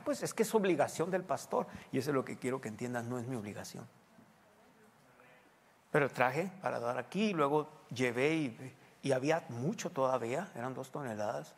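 A man's voice: medium pitch, big-room sound. A male pastor preaches a sermon in a church. He talks to the congregation conversationally and often asks them questions.

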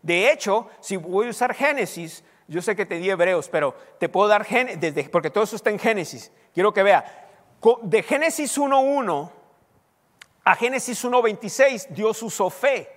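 With a high, animated voice at a normal speed, a man delivers a sermon as pastor in a church hall. He teaches and tests the congregation through call-and-response questions, and the sound carries a long hall reverb.

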